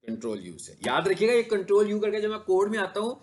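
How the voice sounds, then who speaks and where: A man's voice: high-pitched, sing-song, fast. A man teaches a class while showing his screen. He keeps asking his students questions and answers them himself. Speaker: digital marketing instructor. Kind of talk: classroom lecture with screen demo.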